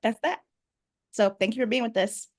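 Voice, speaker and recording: A woman's voice: on the high side, normal speed, a little mellow. A woman co-hosting a monthly career webinar on a video call, upbeat and eager to help. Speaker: co-host.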